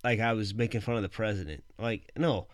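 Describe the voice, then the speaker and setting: A man's voice: fairly low pitch, steady tone, fairly quick, no echo. A man hosting a podcast in casual chat, joking and laughing at his own jokes. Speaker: podcast host.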